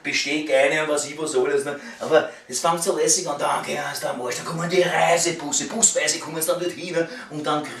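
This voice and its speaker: This Viennese-accented man in his fifties sounds fairly high and fairly bright, with a steady tone, vocal fry, a quick pace and few pauses. Grumbling like a waiter fed up with his work, he swears and stumbles over repeated words, a casual vlog-style rant recorded indoors at home. Expect echo from the room, a far-off microphone, clicks and noise.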